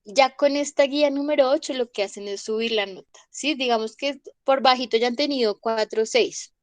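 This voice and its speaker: A young woman, teaching an English vocabulary class online. She goes slowly, says each word twice and checks in with the class. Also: high-pitched, no room sound. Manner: slow, repeats each word and asks "¿listo?".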